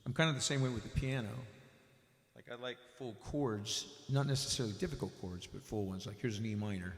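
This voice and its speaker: A man teaching piano and singing in a relaxed, casual way, his voice drenched in added hall reverb. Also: mid-range voice, brisk. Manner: relaxed, demonstrates while explaining. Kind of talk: casual spoken lesson at the piano. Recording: big echoey hall reverb with loud piano.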